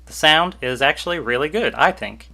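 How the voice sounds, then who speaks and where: A man's voice: a little high, animated, normal speed, gravelly, pushed and bright. A man casually reviewing a microphone on his video channel, chatty and easygoing with jokey asides, recorded at home on a cheap USB desk microphone. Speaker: YouTuber reviewing gear. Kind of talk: casual product review vlog.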